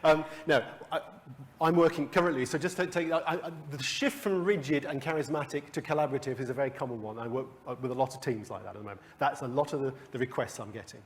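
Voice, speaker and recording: A man's voice: mid-range voice, fast talker. A man leading a coaching workshop for a live group, talking conversationally with restarts and chuckles. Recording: long hall reverb.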